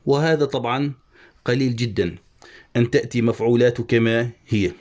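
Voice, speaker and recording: A man teaching an online lesson on poetic meter, methodically explaining the verse and slowly spelling out each syllable. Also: medium pitch, a little mellow. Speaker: Arabic prosody teacher.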